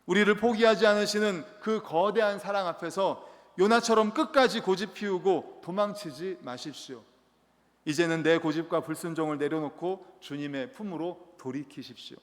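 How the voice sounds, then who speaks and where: A man's voice: high voice, moderate pace. A male pastor giving an earnest sermon with rhetorical questions and light, humorous stories. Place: church sanctuary. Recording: long church hall reverb.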